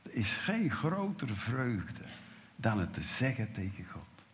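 A man's voice: mid-range voice, big pitch swings, takes it slowly, big-room sound, a little hiss or hum. A man preaching a sermon, telling a story with acted quotes and dropping at times to a whisper.

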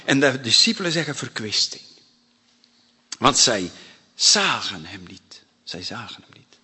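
A man preaching in a church hall, his voice swinging wildly from low murmurs to sudden loud peaks. He speaks slowly and deliberately, with a bright, slightly husky tone. A long reverb trails every phrase. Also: sing-song. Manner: emphatic, acts out quoted voices, sudden loud bursts. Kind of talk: sermon.

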